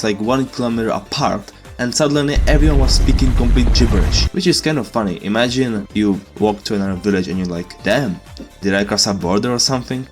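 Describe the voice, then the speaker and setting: A young man from Czechia, telling his life story in a casual, playful voice-over with sarcastic asides. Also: lowish voice.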